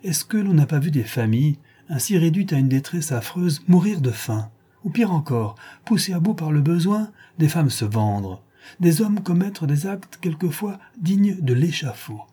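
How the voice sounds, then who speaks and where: A man's voice: on the high side, big pitch swings, moderate pace, mellow, slightly rough, pitched above the performer's own voice. A man reading an indignant bourgeois wife. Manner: declamatory, indignant. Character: indignant virtuous bourgeois wife, middle-aged.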